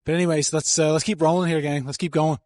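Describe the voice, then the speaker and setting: A man's voice: on the high side, steady tone, quick pace, a little mellow, no room sound. A man talking through his workout in a gym, coaching and rambling casually into a handheld mic, breathing hard between sets. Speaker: fitness vlogger. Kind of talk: casual gym vlog narration.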